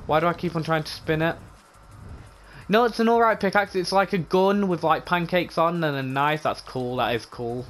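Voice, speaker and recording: A man's voice: a little high, a bit bright. Casual young-sounding guy rambling through a game review. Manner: rambling, repeats himself, offhand. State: voice going hoarse. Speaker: gaming channel host.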